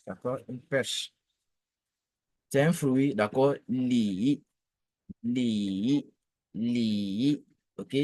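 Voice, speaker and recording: Slow, patient male language teacher. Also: mid-range voice, no echo. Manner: patient, repeats each syllable several times.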